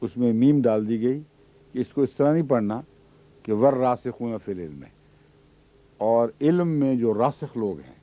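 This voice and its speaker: A man giving a Quran commentary lesson, reciting Arabic verses and then explaining them patiently. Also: medium pitch. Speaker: Quran teacher. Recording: dull lo-fi archive recording.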